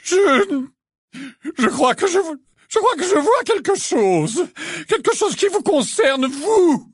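A man's voice: very high voice, very animated, takes it slowly, dry recording, studio quality, voice pushed up, heavily acted. A man voicing an eccentric older female seer who speaks in a dramatic, mystic, trembling way. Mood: ominous. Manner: quavering, theatrical, mystic.

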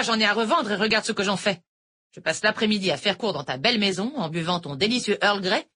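A woman voicing a moody, bitter female math tutor in an audiobook, talking with a sharp, mock-cheerful edge. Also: mid-range voice, voice pushed up.

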